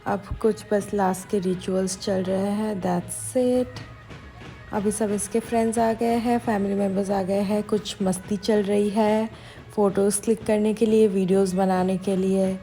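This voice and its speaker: A woman's voice: mid-range voice, fairly even intonation, a little slow, dark tone, soft background music. A woman from India narrating a vlog in a casual, chatty way, switching between Hindi and English. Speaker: vlogger.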